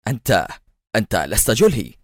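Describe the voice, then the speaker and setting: A man voicing a cocky, rattled criminal agent, low and lively. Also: brisk, no room sound. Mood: alarmed. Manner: sharp and agitated.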